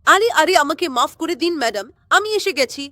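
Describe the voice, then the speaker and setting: A woman voicing a hurried male ambulance driver in a doll story, who talks politely and keeps apologizing. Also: high-pitched, expressive, bright, forceful tone, dry recording, studio quality. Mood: reassuring.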